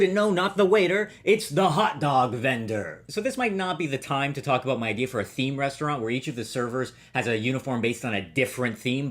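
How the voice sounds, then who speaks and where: Playful man hosting a toy review. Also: mid-range voice. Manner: playful, jokey asides. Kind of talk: scripted review commentary.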